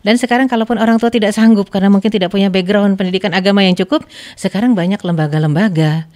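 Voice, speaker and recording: A woman's voice: medium pitch, quick pace. A middle-aged woman, a religious teacher on a podcast, telling stories and acting out the dialogue with animation. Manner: animated storyteller quoting dialogue.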